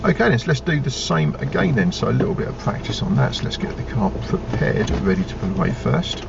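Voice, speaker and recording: Male driving instructor, patient step-by-step coaching, creaky voice, muffled audio under loud car noise. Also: medium pitch, big pitch swings, fairly quick, distant mic. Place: inside a moving car.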